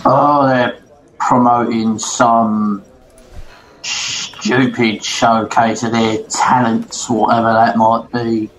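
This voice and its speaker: Man voicing a slow, scornful tavern drunk, commoner grumbles. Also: medium pitch, level tone, a bit bright, slight background noise, rough recording. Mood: scornful grumbling. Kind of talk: tabletop role-play voice.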